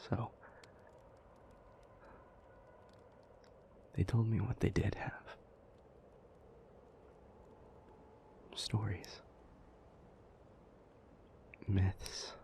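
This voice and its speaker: In an intimate audio roleplay, a man voices an ancient, somber demon recounting old myths. His somewhat low voice is breathy and whispery, hushed and halting with long pauses, and the mood is subdued and reflective.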